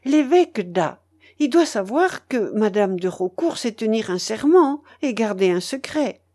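A woman's voice: a little high, very animated, measured pace, warm tone. A woman voicing an overwrought noblewoman and mother in a read-aloud novel, pleading with breathless, rising cries. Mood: anguished.

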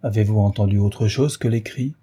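A man's voice: fairly low pitch, normal speed, dark tone, slightly rough. A man reading an audiobook aloud, voicing a wary male naturalist who asks probing, overly polite questions. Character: smooth, wary male naturalist hiding alarm.

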